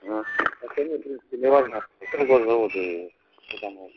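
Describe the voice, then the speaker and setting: A man talking business casually over a landline phone, hesitant and halting, with vague answers. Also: lowish voice. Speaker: recruiter taking a phone enquiry. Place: on a telephone line. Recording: muffled landline phone call, noisy line.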